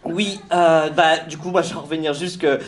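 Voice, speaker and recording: A man's voice: fairly high pitch, steady tone, fairly quick, a crowd in the background, pitched below the performer's own voice, close to an everyday voice. A man improvising as a nervous young female schoolteacher on her first day, stammering and full of hesitations, on a roomy stage before a live audience. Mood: flustered. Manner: flustered, stammering, many hesitations.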